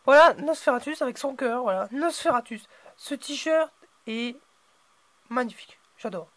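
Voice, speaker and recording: A man hosting a casual unboxing video, hesitant and filling his pauses with "euh" and "voilà". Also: very high-pitched, lively intonation, fairly bright tone, no room sound.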